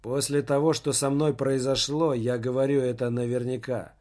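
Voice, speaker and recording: A man reading an audiobook, voicing a manipulative company boss who speaks with calm foreboding. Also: medium pitch, normal speed, lightly acted. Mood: ominous. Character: ominous corporate boss, manipulative and assured.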